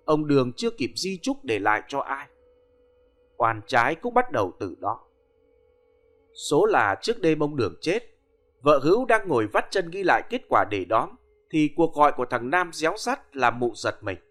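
A man reading a ghost story aloud, measured and even in his storytelling. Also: fairly high pitch. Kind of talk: scripted ghost-story narration. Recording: faint music bed behind voice.

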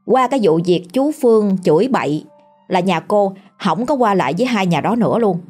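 A woman's voice: mid-range voice, animated, brisk, a little mellow, faint music behind. A woman with a Southern Vietnamese accent telling a ghost story in a chatty, colloquial way.

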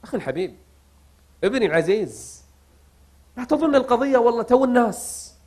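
High-voiced preacher telling a dramatic tale. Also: male voice, big pitch swings. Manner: dramatic storytelling, swinging from hushed murmurs to raised cries; drawn-out slow repetitions for emphasis. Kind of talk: sermon.

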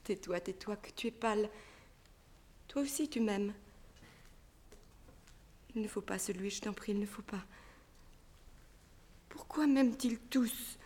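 An actress playing a fragile, frightened young female circus rider, breathy and often dropping to a whisper. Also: medium pitch, measured pace, pauses often, warm tone, slight background noise, lightly acted. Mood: frightened tender. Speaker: Consuelo. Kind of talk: 1960s French radio drama acting.

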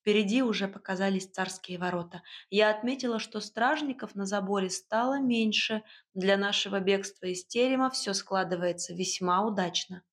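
A woman reading a first-person story aloud as an audiobook narrator, in a lively, wry storytelling manner. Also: mid-range voice, normal speed.

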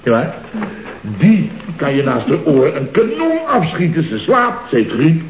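A man's voice: a little high, huge pitch swings, unhurried, slight background noise. Jovial chatty boss guy, old radio comedy, muffled and echoey. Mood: jovial, rambling. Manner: rambling, jovial storytelling with many asides. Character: chatty boastful male construction firm boss. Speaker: boss of a contracting firm. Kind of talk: 1960s radio comedy acting. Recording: dull, roomy old radio recording.

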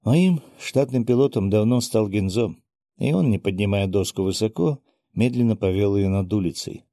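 Low dark-voiced male narrator. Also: normal speed, no echo, clean studio sound. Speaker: audiobook narrator. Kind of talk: first-person fantasy audiobook narration.

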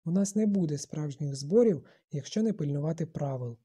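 An audiobook narrator voicing an earnest, insistent boy leading a group, in a dark husky voice. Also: medium pitch, expressive, fairly quick.

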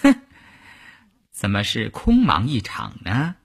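A ruthless female political commissar who lays out her cruel plans coldly and without hurry, performed by a male storyteller. The voice is husky and breathy, with sharp lifts in pitch. It's told as a traditional spoken story. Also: wildly swooping pitch, full character voice. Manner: cold, slow, deliberate.

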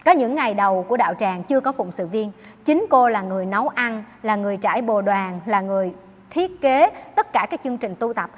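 A woman's voice: medium pitch, lively intonation, a little fast, in a large hall. A Buddhist nun giving an earnest dharma talk, often questioning her listeners. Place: temple hall.

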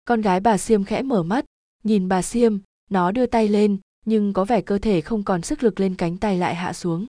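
Brief: female audiobook narrator, steady and dramatic, dark warm tone. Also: mid-range voice, normal speed, no echo, studio quality. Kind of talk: scripted ghost story narration.

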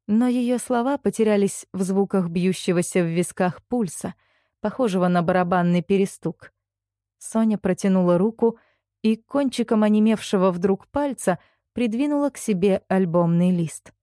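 Female audiobook narrator, measured delivery, warm timbre. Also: medium pitch, dry recording, studio quality. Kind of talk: scripted narration of a novel.

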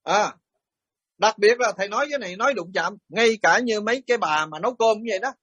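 A middle-aged Buddhist monk tells stories in a dharma talk, lively and blunt whenever he acts out what was said. His voice sits fairly high with a husky edge. The recording is dry and close, with little room sound. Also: fast talker, no room sound, muffled recording. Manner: animated, acts out quoted exchanges bluntly.

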